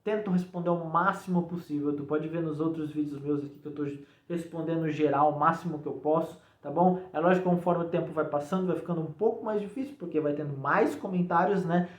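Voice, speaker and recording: Talking fairly quickly with few pauses, a Brazilian-accented YouTuber gives viewers an informal programming explanation in a slightly high, steady voice. Short tag questions keep checking in with the audience, and the room is echoey and untreated.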